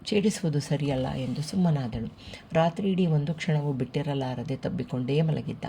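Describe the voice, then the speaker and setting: A steady, unhurried audiobook narrator reading a family novel. The voice sits at a middle pitch with a dark, mellow colour. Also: creaky, a little hiss or hum.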